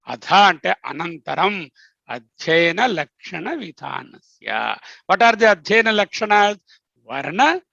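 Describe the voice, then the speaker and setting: A man's voice: high voice, vocal fry, sharp tone, no echo. A man teaching a scripture lesson, asking himself questions and answering them, mixing in English words. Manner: mixes English words into explanations. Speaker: teacher leading a study session. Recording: dull lo-fi sound.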